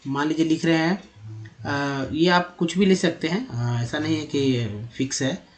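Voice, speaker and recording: Patient man teaching English over slides. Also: fairly high pitch. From India. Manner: patient, repeats words slowly, many fillers. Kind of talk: explaining lesson over slides.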